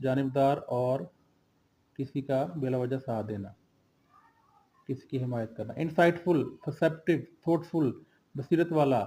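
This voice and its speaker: A man's voice: on the high side, low-quality recording. A man teaching vocabulary, reading out synonyms and antonyms one by one with short glosses. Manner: slow and steady, drills word lists with brief glosses. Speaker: English teacher.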